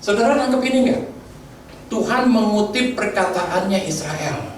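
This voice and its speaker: A man's voice: high voice, expressive, moderate pace, distant mic, slight background noise. A male pastor preaching a sermon, asking the congregation many questions, often stumbling and restarting words. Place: church hall. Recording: very echoey church hall, voice from afar.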